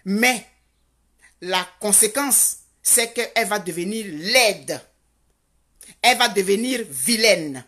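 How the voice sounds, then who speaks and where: Speaking in Canada, a Godié-speaking woman delivers a heated social commentary monologue, slow and fervent. Her husky, mid-range voice is expressive, bright and forceful, and she presses her point through rhetorical questions and repeated insistence.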